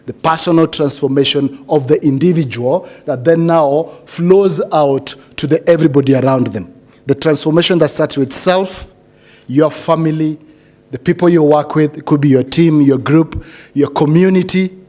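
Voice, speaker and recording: A middle-aged Kenyan man addresses a graduating cohort seated before him, giving an earnest motivational speech. His voice is fairly high and a little mellow, and he often repeats phrases and poses questions to the audience.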